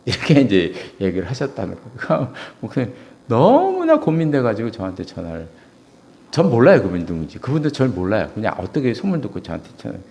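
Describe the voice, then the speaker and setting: A middle-aged man preaching a sermon in a church, telling stories and acting out quoted dialogue, rising to loud exclamations and dropping to quiet asides. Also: wildly swooping pitch, quick pace, vocal fry. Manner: swings between loud raised exclamations and quiet low asides; storytelling, acts out quoted dialogue. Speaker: pastor. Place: church sanctuary.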